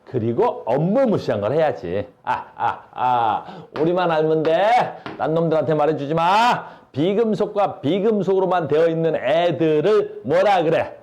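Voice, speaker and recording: A man's voice: on the high side, lively intonation, moderate pace, few pauses, a little mellow, dull audio. A male science teacher giving a classroom lecture, blunt and slangy, asking his students questions all the time.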